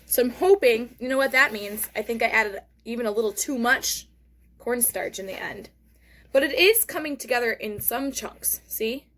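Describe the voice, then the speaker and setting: High-voiced woman, kids show host style. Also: normal speed, a bit bright. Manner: kids show host, encouraging and talking directly to young viewers. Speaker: host of a children's craft lesson. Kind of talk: hands-on craft demonstration, casual narration.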